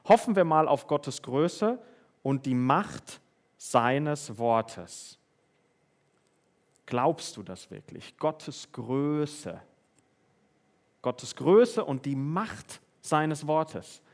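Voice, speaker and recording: A preacher with a highish, sing-song voice speaks extremely slowly, leaving long pauses. He reads Bible verses and addresses the congregation conversationally, often posing questions to them.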